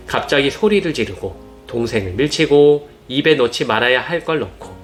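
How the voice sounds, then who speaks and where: Guy narrating parenting tips, earnest and gentle, soft music behind, mid pitch. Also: lively intonation, normal speed. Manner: earnest, gentle advice-giving. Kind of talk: scripted narration. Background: soft background music.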